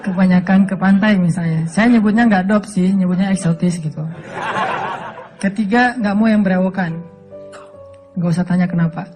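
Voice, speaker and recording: A middle-aged male Islamic preacher from Aceh, giving a relaxed, humorous sermon that jokes and acts out voices in his stories. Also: sits high, normal speed, long pauses, over music. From Aceh, Indonesia. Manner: joking storytelling, often laughing.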